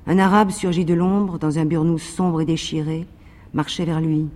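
A man reading a literary novel aloud in a measured, even narration, with a long reverb behind his voice. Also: a little high. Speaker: reader.

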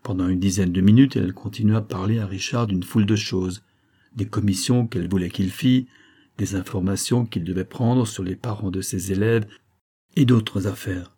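A man narrating a novel as an audiobook in a measured, steady reading. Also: on the low side, breathy edge. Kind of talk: scripted narration.

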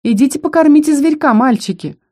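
A woman's voice: a little high, animated, a little slow, warm tone, voice pushed up. A woman voicing a haughty young female necromancer student who mocks and taunts with condescension. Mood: sneering.

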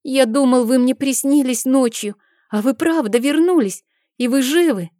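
A woman voicing a sickly, frightened little boy who whines and pleads in a high, shrill voice in an audiobook. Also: normal speed, mellow, dry recording, clean studio sound, natural voice. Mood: eager. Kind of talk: audiobook character voice.

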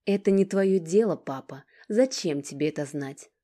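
A woman voicing an angry, bitter young woman who snaps sharply at her father in a low, husky voice. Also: animated, normal speed. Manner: sharp, cutting, loud.

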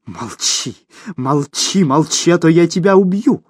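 A man's voice: a little high, lively intonation, unhurried, darkish tone, no room sound, studio quality. A man voicing a cowardly, hypocritical male official who whines and protests for an audiobook. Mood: hysterical. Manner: whiny, indignant. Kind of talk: audiobook character voice.

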